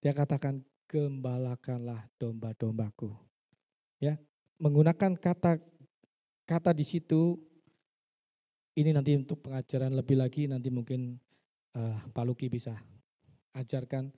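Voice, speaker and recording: A man's voice: medium pitch, level tone, normal speed, long pauses, mellow. A male pastor preaching a sermon in church. He teaches by asking his listeners questions and acting out the quoted dialogue.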